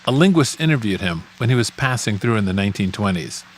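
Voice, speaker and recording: A man's voice: on the low side, animated, quick pace, a little hiss or hum. A man hosting a podcast, delivering scripted documentary narration.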